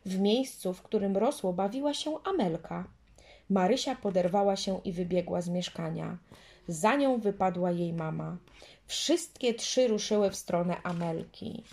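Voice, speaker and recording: A woman reading a children's story aloud in a gentle, measured way. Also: medium pitch, vocal fry.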